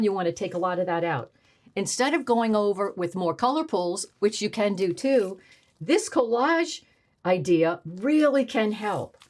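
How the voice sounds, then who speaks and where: A woman's voice: a little high, darkish tone. A woman art teacher demonstrating collage on a painting, thinking aloud as she tries pieces in different spots. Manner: thinks aloud, musing and trying options.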